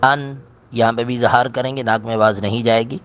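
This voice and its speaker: A man teaching Quran recitation, chanting verses slowly and melodically, then briskly explaining pronunciation rules. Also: medium pitch, fairly even intonation, a bit bright. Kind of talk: tajweed lesson with recitation.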